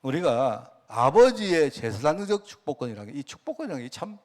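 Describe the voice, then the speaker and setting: A man's voice: on the high side, sing-song, a little fast. A pastor preaching a sermon. He asks the congregation many rhetorical questions and acts out the dialogue he quotes.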